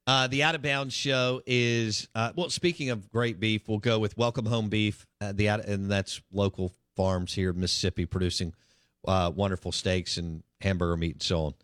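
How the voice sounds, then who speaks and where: A man's voice: on the low side, steady tone, moderate pace, fairly bright tone, no room sound, clean studio sound. A man hosting a casual morning sports radio show, chatting and rambling with lots of fillers. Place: radio studio.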